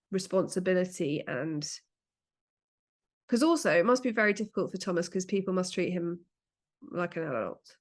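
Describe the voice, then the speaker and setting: Woman rambling on in a podcast chat, keeps correcting herself mid-sentence. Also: lowish voice. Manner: chatty, rambling, self-correcting. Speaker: podcast co-host. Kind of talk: casual chat.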